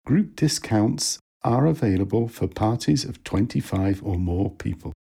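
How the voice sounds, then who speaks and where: A man reading out listening-exam instructions slowly and evenly, then calling out each speaker's name. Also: on the low side, expressive, vocal fry, warm tone, breathy edge. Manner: slow, measured reading of instructions. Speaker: test announcer.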